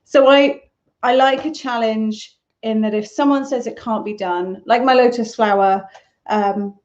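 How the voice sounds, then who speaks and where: A woman's voice: fairly high pitch, fairly even intonation, a little slow, darkish tone, muffled recording. A woman hosting a casual crochet Q&A live stream from home, chatty, rambling and self-deprecating. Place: at home, on a sofa.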